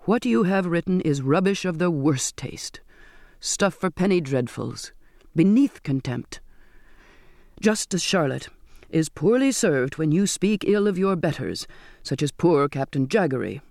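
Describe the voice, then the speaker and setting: A man's voice: on the high side, very animated, measured pace, vocal fry, a little mellow, no room sound, clean studio sound, heavily acted. A man voicing a strict, cold Victorian father who gives formal commands in an audiobook. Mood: contemptuous scolding. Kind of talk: audiobook character voice.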